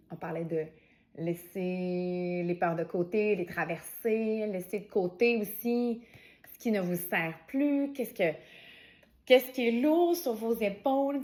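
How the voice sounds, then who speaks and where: A woman with a Québécois French accent talks through her oracle cards in an easygoing, conversational way. She keeps her pitch in a middling range and tosses in informal asides as she goes. Her tone stays gentle and encouraging. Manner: chatty and informal, many fillers and asides. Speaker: oracle card reader. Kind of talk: casual spiritual guidance vlog.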